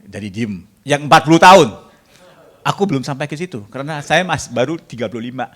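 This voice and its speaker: Speaking briskly in an expressive, medium-pitched voice with a fairly bright tone, this preacher delivers a joking sermon. He mixes in English phrases, trades banter with the congregation and gets them to put their hands up.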